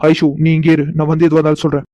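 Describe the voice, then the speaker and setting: A man's voice: fairly high pitch, completely flat delivery, very fast, dark tone, no echo, lightly acted. A man voicing a young cartoon boyfriend who pleads to explain himself and turns bitter when he is misjudged. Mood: pleading. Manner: pleading, then bitterly wounded. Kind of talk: cartoon voice acting.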